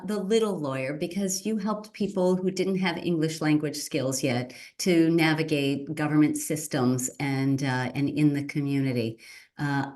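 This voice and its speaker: A middle-aged woman hosts a conversation, her voice sitting low in her range. She praises her guest warmly and asks long, winding questions with the odd "uh". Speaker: host, state senator. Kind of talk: interview.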